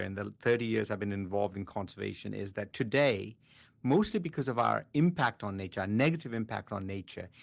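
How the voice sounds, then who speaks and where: A man in his fifties, originally from Sri Lanka, a conservation scientist giving measured, reflective interview answers. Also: medium pitch, vocal fry. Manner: measured, thoughtful, often quiet.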